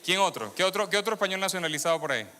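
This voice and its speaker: A man's voice: sits high, animated, rapid-fire, bright, forceful tone. A man born in Venezuela giving a sermon testimony to a congregation, questioning the audience and repeating phrases for emphasis. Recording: long hall reverb.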